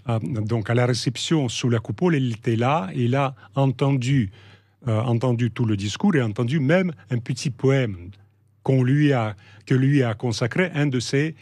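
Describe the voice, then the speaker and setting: A middle-aged man from Russia with a Russian accent, talking in a measured, hesitant way with many pauses and restarts as an interview guest. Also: medium pitch, darkish tone, no room sound, studio quality. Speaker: guest, novelist. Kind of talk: reflective interview talk.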